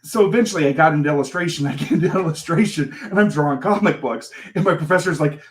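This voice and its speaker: A man in his forties, a comic creator appearing as a guest on a casual podcast interview, talks fast in a fairly high-pitched voice. He tells a rambling, self-deprecating story and laughs often.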